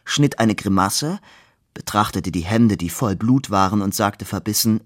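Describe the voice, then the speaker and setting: A man with a low voice reads a novel aloud, measured and expressive. The recording is dry and close with no room sound. His pace is steady. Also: no room sound. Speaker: reader. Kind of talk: literary reading.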